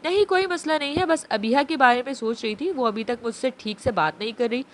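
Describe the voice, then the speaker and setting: A woman's voice: sits high, a little fast, close to an everyday voice. A woman voicing a tender young stepmother. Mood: worried. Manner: soft, tender, soothing. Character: gentle young woman, loving new stepmother.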